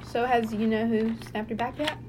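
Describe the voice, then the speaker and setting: A woman's voice: fairly high pitch, little pitch movement, normal speed, noisy background. Teasing young woman co-host. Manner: teasing, chimes in with laughs. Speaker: podcast co-host. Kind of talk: casual chat.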